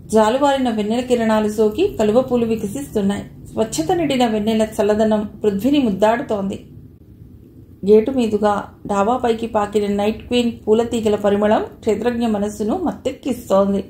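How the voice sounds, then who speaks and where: Casual: lady reading a story out loud, smooth steady read, echoey room, faint hum behind. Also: on the high side, normal speed. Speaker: narrator. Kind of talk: reading a novel aloud.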